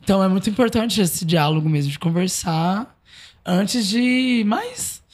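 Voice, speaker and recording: A woman's voice: medium pitch, very animated, measured pace, a little mellow. A woman from Brazil, a podcast guest talking casually and reflectively, telling anecdotes. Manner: reflective, tells anecdotes with acted quotes.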